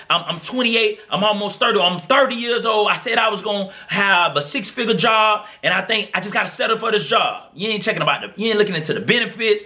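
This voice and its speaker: A man's voice: high voice, sharp tone. A young man speaking, hosting a podcast as a motivational monologue, earnest and encouraging with lots of repetition. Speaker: podcast host.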